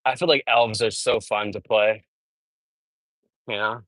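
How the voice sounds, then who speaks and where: A man's voice: on the low side, measured pace, no echo, low-quality recording. A man chatting casually on a live stream while walking on a treadmill, telling stories full of "bro" and "dude". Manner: animated storytelling, peppered with "bro" and "dude". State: sweating from exercise.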